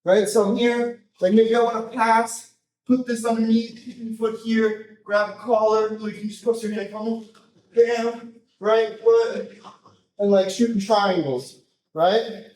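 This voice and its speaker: A man coaching a jiu-jitsu technique, explaining casually in short, choppy phrases and often checking in with a quick tag question. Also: sits high, steady tone, darkish tone. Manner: informal, choppy phrases with repeated tag "right?". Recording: roomy echo, distant microphone.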